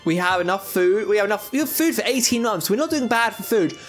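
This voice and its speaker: A man's voice: sits high, lively intonation, fast, faint music behind. A young man giving casual, chatty let's-play commentary, thinking aloud as he plays with jokey asides. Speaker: gaming YouTuber.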